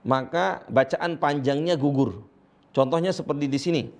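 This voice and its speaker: A man with an Indonesian accent teaching Quran recitation rules, explaining each point and then chanting the verse slowly for students to repeat. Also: on the high side. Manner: asks and answers his own questions, praising students. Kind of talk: tajwid lesson with recited examples.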